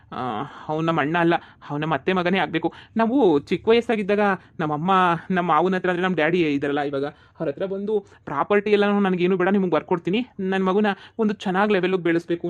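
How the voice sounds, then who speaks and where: A man's voice: high voice, fast, no echo, dull audio, natural voice. Man playing a hot-tempered village husband. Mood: explaining.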